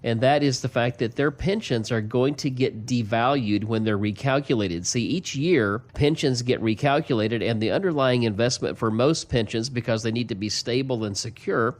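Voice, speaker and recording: A man's voice: medium pitch, moderate pace, hardly any pauses. Folksy male financial advisor. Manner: folksy, explains step by step, chuckles often. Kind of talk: casual explanatory radio talk.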